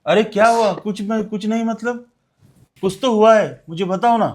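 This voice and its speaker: Amateur short-film father, a man playing a middle-aged family head, high voice, coaxing turning to scolding. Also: normal speed, a little mellow, close to an everyday voice. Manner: coaxing then angry scolding. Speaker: father-in-law.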